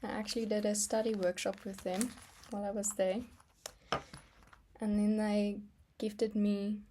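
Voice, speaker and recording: A young adult woman whose first language is Afrikaans rambles casually about her art in a vlog, stamping and sketching at her desk with frequent ums and small laughs. Her mid-range voice stays fairly level in pitch and unhurried, with background noise behind it.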